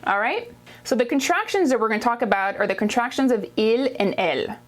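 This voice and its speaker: A woman's voice: a little high, expressive, fairly quick. Woman teacher with a Quebec French accent. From Quebec, Canada. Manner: informal, explanatory, often checks in with "okay?". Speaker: language teacher and video host. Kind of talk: conversational language lesson to camera.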